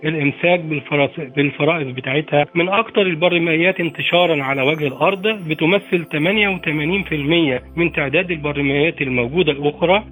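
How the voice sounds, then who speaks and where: An Egyptian man explaining informally as an expert, halting often over filler phrases. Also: fairly high pitch. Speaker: expert interviewee. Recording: narrow, phone-like sound. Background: faint music.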